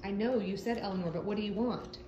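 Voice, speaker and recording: A woman's voice: medium pitch, fast, echoey room, lo-fi sound. A woman talking patiently to her dog, coaxing it and asking the same questions again and again. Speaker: dog owner. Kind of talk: casual talk to a pet.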